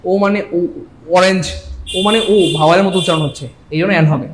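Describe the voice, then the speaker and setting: A male English grammar teacher giving a live online class, animated and joking, and urging viewers to comment. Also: high voice, fast talker, slight background noise.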